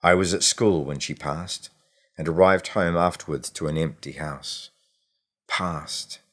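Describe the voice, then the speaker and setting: A low-pitched male narrator reads a scripted short story for an audiobook, taking it at a measured pace with expressive delivery and intentional pauses.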